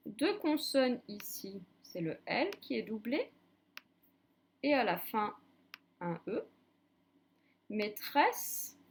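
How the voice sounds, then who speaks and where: Slow, patient woman teaching young children. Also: high-pitched. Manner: slow, patient, spells out letters one by one. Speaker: primary school teacher. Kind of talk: recorded reading lesson for young children.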